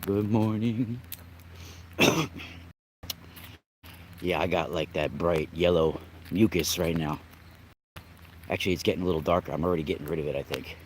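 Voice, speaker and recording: A young adult livestream host and spiritual reader talks casually while fighting a cold. He coughs and sounds slightly nasal, rambling, starting over often and greeting viewers in chat. His low voice moves at normal speed with frequent pauses, over a rough recording with a little hiss or hum.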